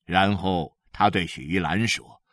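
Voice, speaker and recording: A man reading a novel aloud in an expressive, drawn-out storytelling manner. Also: low voice, no room sound, studio quality. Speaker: audiobook narrator. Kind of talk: storytelling narration.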